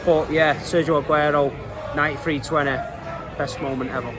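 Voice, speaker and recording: A Manchester-accented man with a slightly high voice speaks over a busy crowd outdoors. He talks as a football fan in a casual interview, earnest and colloquial, leaning on repeated points. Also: level tone, normal speed.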